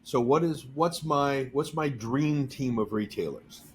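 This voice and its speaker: A man's voice: mid-range voice, a little slow, slight background noise. A man hosting a podcast, talking in a casual, joking and explanatory way. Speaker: podcast host.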